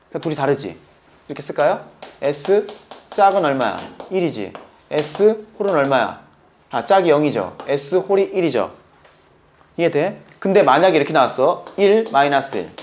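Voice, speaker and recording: A man teaching math, walking through the steps and constantly quizzing his students with quick questions. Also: fairly high pitch, a little hiss or hum. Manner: playful, talking to himself. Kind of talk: lecture.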